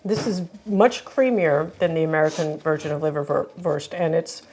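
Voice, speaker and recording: A woman's voice: low voice, moderate pace, darkish tone. A woman hosting a food taste-test vlog, chatty and explaining each dish as she goes. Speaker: vlog host. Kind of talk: casual taste-test chat.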